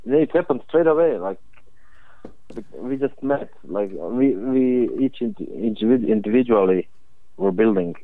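A young man from Croatia, a cellist, answering interview questions in a plain, earnest way with halting phrasing. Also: medium pitch, sing-song, gravelly. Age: young adult. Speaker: cellist guest. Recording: tinny phone line.

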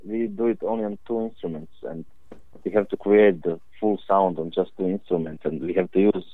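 A man's voice: low voice, steady tone, no echo. Earnest young man on a tinny phone line. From Croatia. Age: young adult. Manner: plain, earnest, halting phrasing. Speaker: cellist guest. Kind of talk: interview answers.

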